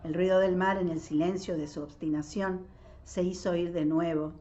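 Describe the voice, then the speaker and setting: A woman with an Argentine accent reading a novel aloud, in a measured way with pauses, adding her own comments. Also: lowish voice, steady tone, mellow, a little hiss or hum. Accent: Argentine Spanish. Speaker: literature reader. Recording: dull lo-fi audio.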